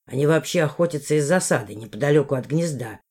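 A woman reading a first-person story aloud with expressive narration. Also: sits low, quick pace, breathy edge. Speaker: audiobook narrator.

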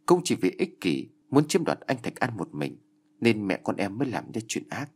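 Man voicing a sobbing young daughter, pleading, husky low voice lifted high, lively swings. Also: brisk. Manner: crying, begging.

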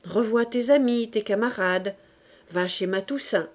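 A woman reading the lines of an aging peasant mother who speaks softly and emotionally. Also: mid-range voice, unhurried, lightly acted. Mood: tender. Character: aging peasant mother, grave, tender, remorseful.

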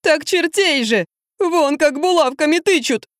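A woman reading an audiobook, voicing a delirious drunken middle-aged man who yells and wails. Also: medium pitch, lively intonation, measured pace, dry recording, clean studio sound, close to an everyday voice. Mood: sobbing. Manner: hoarse yelling and wailing.

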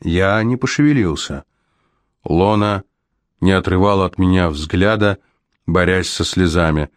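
A man with a very low voice reads fiction in the first person. His delivery is measured and even. The recording is dry and close, with no room sound. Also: clear, resonant tone, no echo. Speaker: audiobook narrator.

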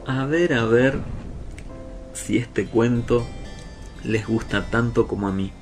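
A man with an Argentine accent reading a children's story aloud, slow and expressive. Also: mid-range voice, over music. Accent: Argentine Spanish.

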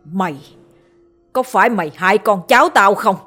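A woman voicing a fierce, hot-tempered old father who shouts in fury, reading a ghost story with faint music behind. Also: medium pitch, lively intonation, moderate pace. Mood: furious. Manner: shouting, furious.

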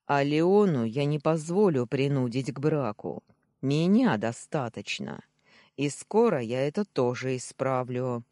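A man's voice: medium pitch, lively intonation, a little slow, mellow, no room sound, clean studio sound, natural voice. A man voicing an enraged young man who growls and hisses at his uncle, in an audiobook reading. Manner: growling, hissing.

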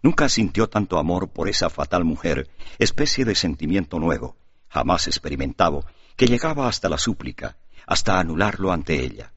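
A man narrating an audiobook in expressive scripted storytelling. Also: low-pitched, normal speed, breathy edge, dry recording. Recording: dull lo-fi audiobook recording.

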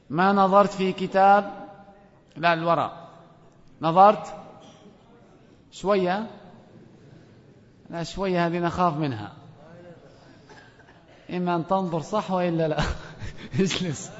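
A man's voice: high voice, a bit bright. A man teaching a grammar class, quizzing students with a playful, commanding manner. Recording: dull audio in a reverberant hall.

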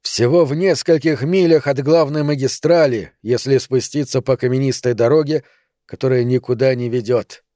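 Guy narrating a story, slow dramatic pauses, mellow low-toned voice, dry close sound. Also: fairly even intonation, dry recording. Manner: measured, dramatic, with long pauses. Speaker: audiobook narrator. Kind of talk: scripted literary narration.

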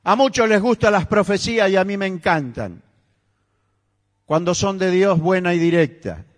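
A male pastor with a Rioplatense Spanish accent, preaching an emphatic sermon that rises to near-shouts. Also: high-pitched, expressive, normal speed. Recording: echoey church hall.

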